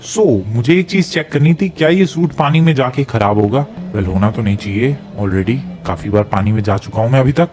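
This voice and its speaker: A man giving excitable live gameplay commentary, mixing Hindi and English and talking to viewers as friends. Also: mid-range voice, brisk, hardly any pauses. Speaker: gaming video creator. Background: game music and gunfire.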